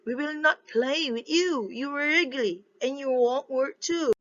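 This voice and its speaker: Mocking little ducklings, read by a woman, slow, slightly muffled. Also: high-pitched, a bit bright, pitched above the performer's own voice. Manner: read aloud, hesitant.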